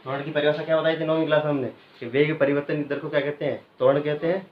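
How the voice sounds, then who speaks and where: A male teacher giving a classroom lecture who keeps asking questions and pauses for students to call out the answers, then repeats the key terms slowly. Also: fairly high pitch, level tone. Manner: quizzes students, pausing for them to finish answers. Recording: echoey room, muffled, faint hiss.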